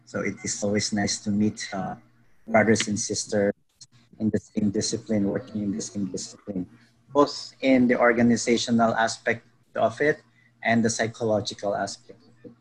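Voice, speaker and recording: Male psychologist, slightly husky, polite and hesitant, on a video call. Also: fairly low pitch, little pitch movement, normal speed, poor audio. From Philippines. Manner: polite, hesitant, many filler sounds. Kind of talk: casual panel talk.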